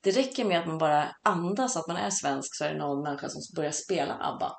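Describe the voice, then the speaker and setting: A woman's voice: low-pitched, animated, creaky, a little hiss or hum. A woman co-hosting a casual chat about songs, talking in a playful, chatty way. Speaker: podcast co-host. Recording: echoey room.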